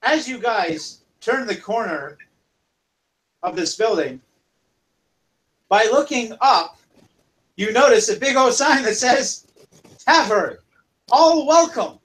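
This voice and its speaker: A man's voice: very high-pitched, expressive, slow pace, pauses often, fairly bright tone, poor audio. A man narrating as dungeon master in a casual, rambling way. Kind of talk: narrating a tabletop game.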